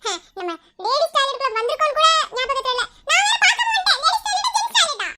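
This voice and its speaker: Woman doing a cartoon college girl, super high and quick, anxious and secretive, teasing then pleading. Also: pushed and bright. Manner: teasing with her friend, then pleading and tearful. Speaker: lead character in an animated love story. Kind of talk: Tamil cartoon voice acting.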